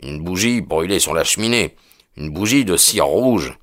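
A man doing a gruff, hesitant constable. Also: deep voice, animated, moderate pace, a bit bright, dry recording, studio quality. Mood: defensive. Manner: rough colloquial speech with hesitant fillers. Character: blunt, uneasy working-class male police constable. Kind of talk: audiobook character voice.

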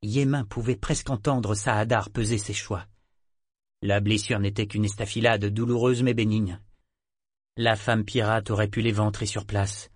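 A man reading a novel aloud as narrator, in a measured, even way. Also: lowish voice, no echo, studio quality. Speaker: audiobook narrator. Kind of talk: scripted narration.

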